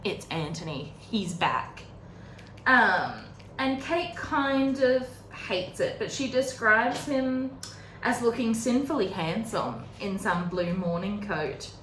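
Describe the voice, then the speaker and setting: A woman's voice: mid-range voice, animated, slow pace, a bit bright. Young woman gushing about a romance chapter while doing makeup, kinda echoey room, faint hum. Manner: chatty, filler-heavy, giggly. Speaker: book readalong host. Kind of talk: casual chat recapping a novel. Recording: roomy echo, faint background noise.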